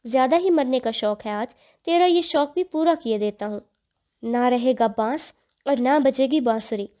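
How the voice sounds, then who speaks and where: A woman's voice: high voice, mellow, lightly acted. A woman voicing a domineering young man who roars threats in a storybook reading. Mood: menacing. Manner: roaring, threatening.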